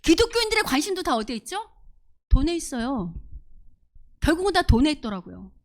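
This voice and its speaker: A woman's voice: high voice, big pitch swings, a little fast. A woman pastor preaching a sermon in a church service, earnest and full of rhetorical questions to the congregation. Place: church service, streamed online.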